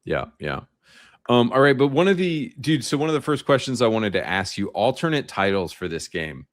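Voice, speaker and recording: A man's voice: medium pitch, very animated, no echo, clean studio sound. A man co-hosting a retro gaming podcast, talking casually with blunt opinions. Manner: blunt, opinionated, quick agreements. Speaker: podcast co-host.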